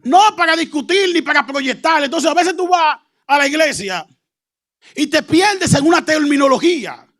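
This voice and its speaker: A man preaching a humorous teaching sermon, animated, laughing often and breaking into shouts. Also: very high voice, normal speed.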